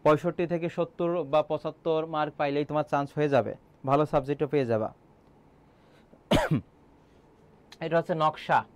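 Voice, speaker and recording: A man's voice: on the high side, fairly even intonation, normal speed, long pauses. Bengali man teaching a quiz class. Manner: quizzes students, repeats answers, frequent "ah" fillers. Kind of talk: online exam-prep class.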